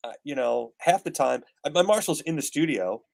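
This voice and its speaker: A man's voice: a little high, lively intonation, moderate pace, vocal fry. A man in his fifties chatting casually as a guest guitarist, rambling with gear-nerd enthusiasm. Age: 50s. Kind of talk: casual chat.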